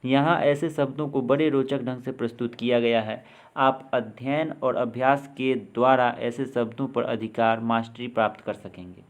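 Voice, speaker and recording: A man's voice: medium pitch, fairly even intonation, moderate pace. A man with an Indian accent teaching an English lesson, spelling words letter by letter and giving their meanings. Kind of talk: slow spoken lesson.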